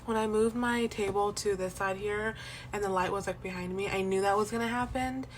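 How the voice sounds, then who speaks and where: A young woman vlogging at home in a casual, rambling way, full of fillers and restarts, her voice still raspy from the morning. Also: medium pitch, fairly even intonation, fairly quick, a little hiss or hum, poor audio. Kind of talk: casual vlog chat. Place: at home, indoors.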